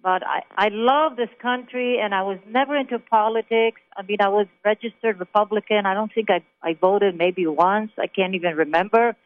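A woman's voice: medium pitch, moderate pace, hardly any pauses. Woman from Israel, radio call-in guest, emphatic chatty storyteller, tinny phone-line sound. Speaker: caller. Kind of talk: phone interview on talk radio.

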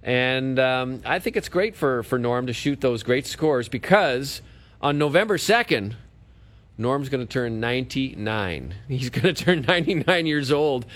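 A man's voice: mid-range voice, animated, unhurried, a bit bright. A man co-hosting a golf show in casual chat, telling stories easily and laughing often. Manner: easygoing storyteller, laughs often.

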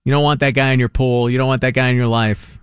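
A man's voice: medium pitch, quick pace, smooth, no echo, clean studio sound. A man from Long Island, co-hosting a sports talk radio show with joking, repetitive riffs. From Long Island, New York. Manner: animated, joking, riffs and repeats himself. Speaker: radio host. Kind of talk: casual sports talk banter.

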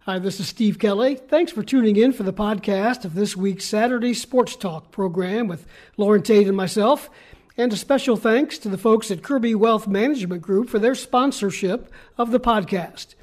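A man's voice: high voice, moderate pace, no room sound, clean studio sound. A man hosting a sports radio show in an easygoing, conversational way, with a processed broadcast sound to his voice.

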